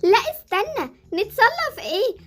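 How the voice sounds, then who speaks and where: A woman's voice: very high-pitched, very animated, moderate pace. A woman voicing a cheeky young girl with an Egyptian Arabic accent, chatty and bossy. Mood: mischievous.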